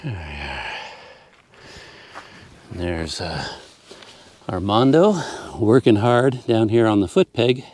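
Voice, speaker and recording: A man's voice: fairly low pitch, lively intonation, slow, pauses often, noisy background. A middle-aged man giving casual, unscripted travel vlog commentary outdoors, musing aloud as he goes. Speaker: travel vlogger. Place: outdoors on open countryside paths and roads.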